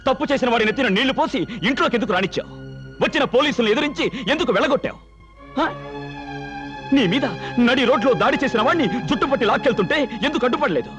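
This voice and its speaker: An actor playing a stern, righteous local strongman who lectures forcefully in a film drama. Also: very high-pitched, expressive, fast talker, music in the background. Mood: reproachful. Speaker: local strongman called Anna.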